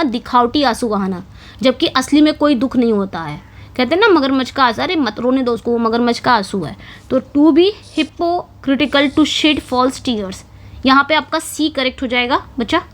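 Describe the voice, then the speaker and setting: A woman teaches an English exam-prep lesson in a high, slightly bright voice. She lays out each point step by step and often checks in with "ठीक है" and "समझ में आ गया".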